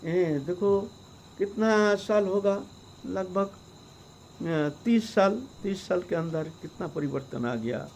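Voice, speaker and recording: A male preacher with a fairly high voice tells a devotional story in a loose, conversational manner, full of fillers and asides. Crickets and insects chirp faintly behind him. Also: slow, vocal fry, darkish tone, slight background noise, poor audio.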